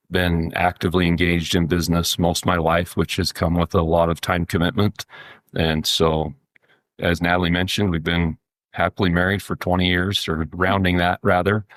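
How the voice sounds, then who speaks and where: A man in his forties speaks as a podcast guest, measured and deliberate in his phrasing. His voice is very deep, and it sounds close and dry. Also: fairly bright tone, no room sound. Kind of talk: casual interview.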